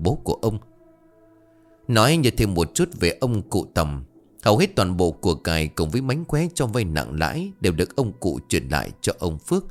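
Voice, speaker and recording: A man narrating a ghost story in an expressive, dramatic way. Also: fairly low pitch.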